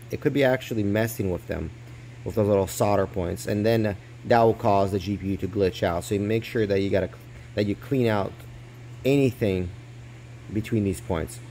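Using a lowish voice with a little hiss or hum in the audio, a man casually demonstrates crypto mining hardware step by step. The phone he films with is held close to his hands at an indoor desk.

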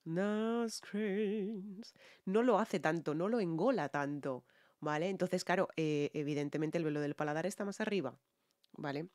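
A woman's voice: sits low, moderate pace, darkish tone, dry recording, studio quality. A woman from Spain with a Spanish accent, a singer and vocal coach who analyzes a song in a reaction video. She explains as she goes and keeps checking in with her viewers.

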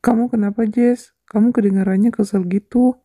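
A woman voicing a kind young man who speaks calmly and steadily and apologizes gently, in a fan-dubbed game drama. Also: a little high, fairly quick, no echo, studio quality, natural voice. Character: kind young man, attentive boyfriend type.

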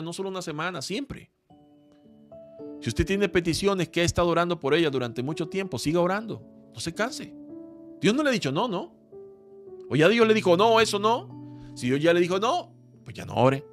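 A male pastor preaching with passion, moving between loud cries and hushed pleas, then leading a prayer. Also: mid-range voice. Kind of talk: sermon with closing prayer.

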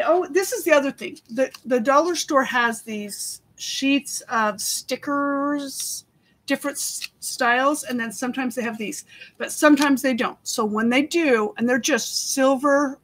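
A woman's voice: sits high, a little slow, rough recording. A woman hosting a live craft tutorial, chatty and giggly, laughing often as she explains each step. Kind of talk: live craft demonstration chat.

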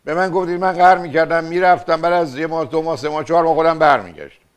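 A man's voice: on the high side, smooth. An older man hosting a call-in advice show as a family therapist, lecturing insistently with rhetorical questions. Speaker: radio and TV family therapist host.

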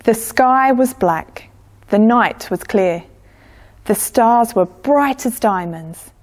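Slow, expressive woman telling a story. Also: on the high side. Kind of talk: storytelling for children. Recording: echoey church hall.

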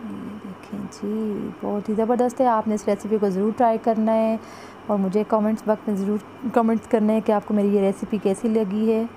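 A woman's voice: medium pitch, flat delivery, moderate pace, warm tone, slight background noise, low-quality recording. Woman chatting through a home recipe. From Pakistan. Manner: chatty, repeats "jo hai" and "ye dekhein" while showing the pot. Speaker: cooking vlogger. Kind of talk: step-by-step cooking instructions. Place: home kitchen at the stove.

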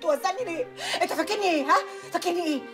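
An actress playing a proud young working woman who snaps back indignantly and fights tears. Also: extremely high pitch. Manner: sharp, indignant, fast retorts. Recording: film soundtrack with music underneath.

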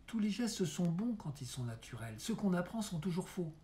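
A man reading the part of an aging male stage mime who coaches his son before a first performance, earnest and coaxing, with soft hushed asides. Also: high-pitched, very animated, normal speed, slight background noise, pitched above the performer's own voice. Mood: coaxing mentor. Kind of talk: dramatic monologue reading.

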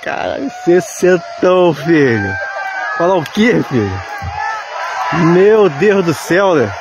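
A man with a fairly high voice, commenting live in an excitable, swearing rush, crying out to the heavens as he films. He is outdoors, recorded on a phone, with a noisy crowd and steady background din around him. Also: takes it slowly. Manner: excitable, swearing, mock-praying. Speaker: balloon enthusiast filming a launch. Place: outdoors at a crowded balloon launch.

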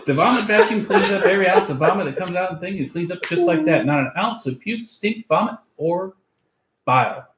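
A man playing a party game with friends, giving a loud, pushy, over-the-top sales pitch. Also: lively intonation, brisk, slight background noise. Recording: roomy echo.

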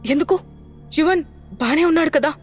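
A woman playing a fierce, protective mother in an audio story, higher voice, sharp and confrontational. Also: brisk, faint music behind, natural voice. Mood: worried. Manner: anxious and confrontational. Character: protective, fiery young mother.

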